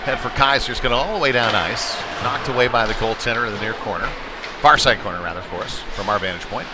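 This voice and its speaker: Talking fast in a mid-range voice, a play-by-play man covers a youth hockey game at an indoor rink, cheering on the home side in a folksy style. Puck slams, bangs and loud rink noise surround him.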